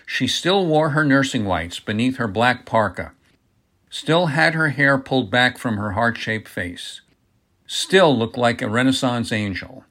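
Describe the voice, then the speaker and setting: A man narrating an audiobook in a steady, even-paced reading. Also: medium pitch.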